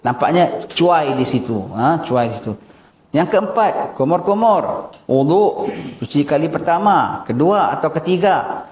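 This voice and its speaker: An older man with a Malaysian Malay accent giving a lively religious lecture, questioning his listeners. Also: a little high, unhurried. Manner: animated, questions the audience, acts out askers. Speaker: religious teacher. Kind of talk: mosque lecture on fasting rules. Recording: echoey room.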